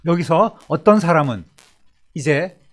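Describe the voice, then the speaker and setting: A male pastor giving a Sunday sermon, swinging between emphatic rises and soft, low endings. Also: expressive, a little slow. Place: church service.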